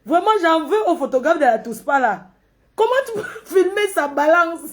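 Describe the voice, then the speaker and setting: A woman's voice: very high-pitched, expressive, normal speed. A woman with a Cameroonian French accent giving casual live commentary, mocking and scolding with frequent laughter. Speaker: social media commentator.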